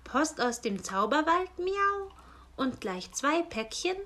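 A woman's voice: big pitch swings, takes it slowly, bright, forceful tone, exaggerated voice. Woman doing a mewing tomcat. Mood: amazed. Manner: high voice with meows. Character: male house cat, mewing.

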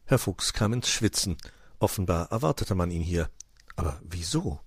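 A man narrating a children's story in a lively, expressive way. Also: low-pitched, normal speed, slightly rough, no room sound, clean studio sound.

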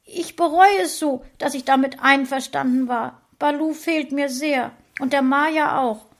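A woman voicing a tearful, distraught dog owner who cries out in high, loud bursts. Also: unhurried. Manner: high, loud sobbing outbursts. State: crying.

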